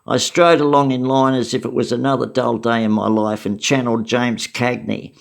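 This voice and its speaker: Older Aussie male storyteller, gravelly voice, wry and matter-of-fact. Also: mid-range voice, level tone, moderate pace. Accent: Australian. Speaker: storyteller recounting memories. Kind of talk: casual spoken memoir.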